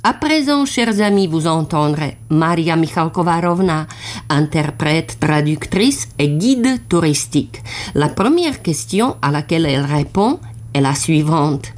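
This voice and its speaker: Low-voiced woman presenter. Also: sing-song, a little slow. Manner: formal, introduces guests. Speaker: radio presenter. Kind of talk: formal program announcing.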